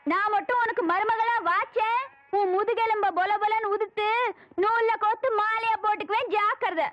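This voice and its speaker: An actress playing a fierce, boastful old village woman who shouts menacing threats in a film comedy scene. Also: very high voice, steady tone, moderate pace, lo-fi sound. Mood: threatening. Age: older. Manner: loud, menacing taunts in rustic dialect. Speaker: film character.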